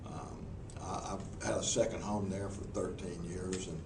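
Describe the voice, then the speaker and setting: Deep-voiced and unhurried, a Southern US professional speaker keeps a level tone while answering interview questions before a group in a meeting room. His delivery is folksy and earnest, full of restarts. The recording is noisy and echoey, captured from a far-off mic.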